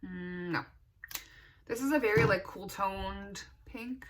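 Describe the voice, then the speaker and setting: A woman's voice: medium pitch, slow pace, a bit bright, a little hiss or hum. A young adult woman chatting casually as a beauty vlogger, talking with retainers in her mouth and thinking aloud informally. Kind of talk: casual chatty get-ready-with-me vlog.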